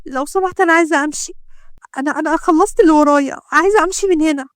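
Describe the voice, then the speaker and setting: A woman voicing a frightened young female doctor with an Egyptian accent, speaking in a high, tearful, pleading voice. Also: very fast, no room sound, studio quality, lightly acted. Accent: Egyptian Arabic.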